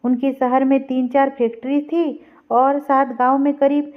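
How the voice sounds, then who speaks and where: Woman storyteller, high voice, steady reading, muffled lo-fi audio. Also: normal speed. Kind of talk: scripted story narration. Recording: dull lo-fi recording.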